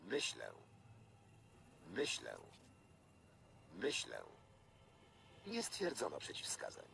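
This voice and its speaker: A deadpan smart-gun AI, gravelly tone, slow literal speech, game dialogue, faint hiss. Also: male voice, fairly low pitch, exaggerated voice. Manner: monotone machine-like delivery, repeats louder.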